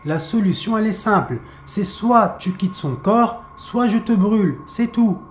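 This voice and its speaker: A man's voice: high voice, animated, unhurried, roomy sound, a little hiss or hum. A man storyteller voicing a stern imam who firmly questions and threatens a spirit. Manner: firm, commanding, threatening. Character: stern male imam performing an exorcism.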